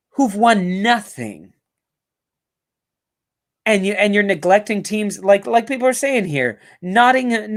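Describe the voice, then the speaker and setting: A man's voice: sits high, fairly bright tone. A man from the New Orleans area hosting a live football fan show, talking in a rambling, profane, casual way and reading viewer comments aloud. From New Orleans area, United States. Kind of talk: casual live-stream chat.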